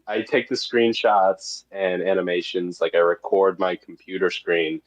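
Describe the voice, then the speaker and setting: In an unhurried, deep voice with fairly even intonation, the creator of an analog horror web series chats in an interview. The line is muffled, and he sounds eager yet pokes fun at himself.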